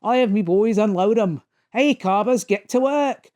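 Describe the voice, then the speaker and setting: A woman's voice: medium pitch, normal speed, warm tone, voice pushed up, lightly acted. A woman voicing a brash Australian male thug from a comic book in a broad, slangy put-on drawl.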